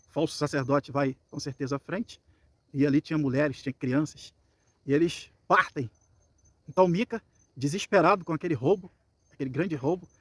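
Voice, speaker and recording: Higher-voiced Brazilian man preaching. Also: no echo. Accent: Brazilian Portuguese. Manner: reads scripture then explains it conversationally, acting out voices. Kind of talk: Bible teaching sermon.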